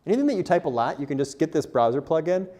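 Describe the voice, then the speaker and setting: Rapid-fire and warm, this man's voice runs on the high side with big swings in pitch. A content marketer presenting at a conference, he talks informally and frankly, pokes fun at himself and questions his audience.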